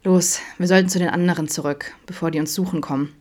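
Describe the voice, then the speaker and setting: A woman voicing an affectionate young man who speaks softly and tenderly in a storybook reading. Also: fairly low pitch, steady tone, quick pace, lightly acted. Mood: playful. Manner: soft, tender, breathy.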